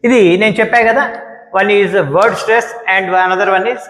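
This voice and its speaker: High-voiced man teaching in an echoey room. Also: fairly even intonation, fairly bright tone. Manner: explains slowly, repeats example words, switches to English terms. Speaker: English teacher. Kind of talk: spoken grammar lesson. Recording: echoey room with long reverb.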